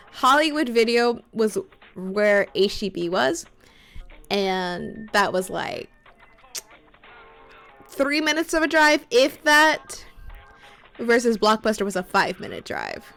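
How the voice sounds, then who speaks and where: Chatty woman streamer on headset, bit high voice, laughs a lot, up and down. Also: very animated, slow, gravelly, fairly bright tone, soft background music. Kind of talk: live game stream commentary and reading.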